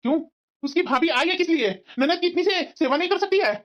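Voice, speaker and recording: A woman voicing a stern cartoon father, gruff and fast. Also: very high voice, expressive. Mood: scolding. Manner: gruff, scolding. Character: stern middle-aged father who spoils his daughter. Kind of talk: cartoon voice acting. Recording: muffled lo-fi.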